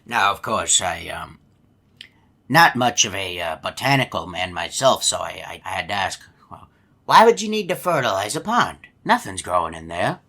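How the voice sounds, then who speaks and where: Man playing a folksy, bright-voiced, low-pitched hippo. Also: sing-song, gravelly, exaggerated voice. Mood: genial, reminiscing. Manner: folksy, meandering, polite, unhurried storytelling. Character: folksy, long-winded, gullible male hippo animatronic storyteller. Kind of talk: video game character monologue.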